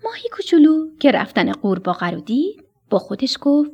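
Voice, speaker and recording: A woman's voice: sits high, sing-song, dull audio. A woman narrating a children's story expressively, sometimes sinking to a whisper at tense moments. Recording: soft music behind the voice.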